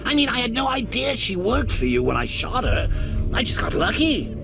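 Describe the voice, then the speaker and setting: An actor playing a gleefully sadistic clown supervillain in a video game, theatrical and mocking, with a creaky voice. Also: male voice, extremely high pitch, very animated, exaggerated voice. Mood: sardonic. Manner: theatrical, mocking, drawn-out phrasing with cackles. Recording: muffled game audio under loud music.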